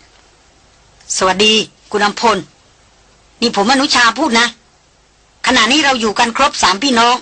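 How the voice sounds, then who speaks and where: A woman reading an audiobook voices a young aristocratic man who speaks calmly, clearly and firmly. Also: on the high side, a little fast, poor audio. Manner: calm, clear, firm. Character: calm young aristocratic man, firm and measured.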